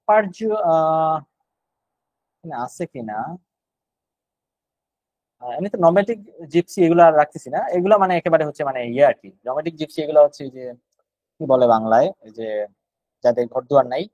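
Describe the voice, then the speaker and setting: A man's voice: fairly high pitch, a little mellow, no room sound, dull audio. A man with a Bangladeshi accent teaching GRE vocabulary online, explaining words one at a time and thinking aloud.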